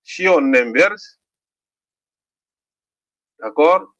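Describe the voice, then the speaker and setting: Man with Guinean French accent, teacher, very slow, lively pitch, repeats each sound. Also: muffled recording. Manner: checks in with "d'accord?". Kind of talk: literacy lesson on syllables.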